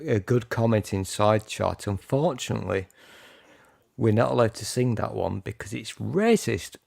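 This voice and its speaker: A man co-hosting a comedy podcast, trading crude jokes in a loose, teasing chat. His voice is low and gravelly with a dark, mellow tone. The recording is dry and close. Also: animated, moderate pace, no room sound. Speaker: podcast co-host.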